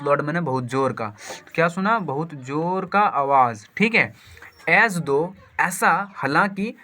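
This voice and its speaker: A man's voice: fairly high pitch, sharp tone. A man reads a story aloud for an English lesson, translating it line by line, repeating words and spelling them out. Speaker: English teacher.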